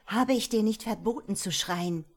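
A woman voicing a domineering, scornful female boss who scolds sharply and loudly. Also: medium pitch, animated, measured pace, breathy edge. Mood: scolding. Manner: sharp scolding, loud commanding.

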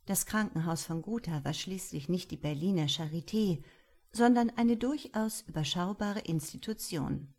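A woman reading a crime novel aloud as narrator, calm and measured. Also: fairly low pitch. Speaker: audiobook narrator. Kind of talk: scripted narration.

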